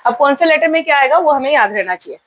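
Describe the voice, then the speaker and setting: Indian lady teacher spelling words out then saying them, high bright voice, drills them over and over. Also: animated, fast. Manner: spells letters then says the word, repeating for drill. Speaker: English pronunciation teacher. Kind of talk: spelling out words letter by letter in a lesson.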